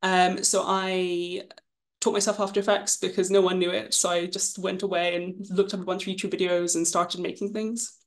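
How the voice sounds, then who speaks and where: Speaking at a moderate pace in a fairly low, level voice, this guest illustrator is a woman in her twenties from Scotland. Her account of her career path is relaxed and talkative, full of self-deprecation and frequent ums.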